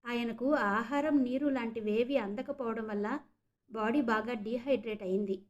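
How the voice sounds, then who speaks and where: A woman voicing a calm middle-aged male doctor who explains patiently. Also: on the high side, moderate pace, lo-fi sound, natural voice.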